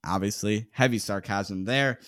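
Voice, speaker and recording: A man's voice: on the low side, moderate pace, a bit bright, no echo, studio quality. A man co-hosting a casual sports podcast, recapping a game with frequent laughs and reading out player lists. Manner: chatty, laughs often, reads player lists. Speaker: podcast co-host.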